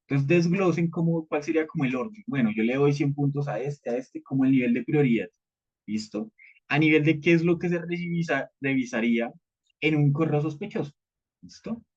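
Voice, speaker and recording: A man leading a live cybersecurity training, explaining at a conversational pace and often checking in with the group. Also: a little high. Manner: conversational teaching, frequent "¿listo?" checks, repeated fillers. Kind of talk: live training session with participants. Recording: dull lo-fi audio.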